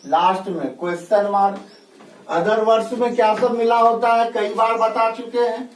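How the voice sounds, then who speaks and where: A man teaching a grammar lesson, asking rhetorical questions and dictating example sentences slowly, word by word. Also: high-pitched, steady tone. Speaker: English teacher. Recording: echoey room, voice from a distance, faint noise.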